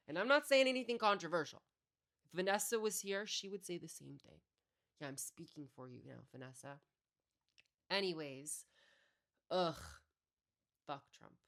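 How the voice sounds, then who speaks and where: A young woman with a notably low voice hosts a casual podcast on her own. She rants with high energy, swearing freely and tossing in fillers as she goes. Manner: energetic, profane, ranting with frequent fillers. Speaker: podcast co-host, hosting solo. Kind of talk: casual solo podcast rant. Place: indoor room decorated with flowers.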